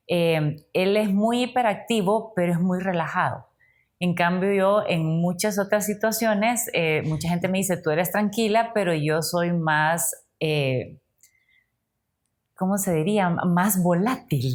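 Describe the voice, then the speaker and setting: A woman with a Guatemalan Spanish accent, a mother and podcast guest telling her story earnestly with frequent fillers. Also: lowish voice. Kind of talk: podcast conversation.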